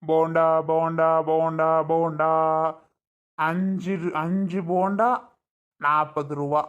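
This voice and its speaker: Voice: medium pitch, little pitch movement, takes it slowly, lo-fi sound, close to an everyday voice. A performer playing a pushy street snack vendor hawking his wares with repetitive calls.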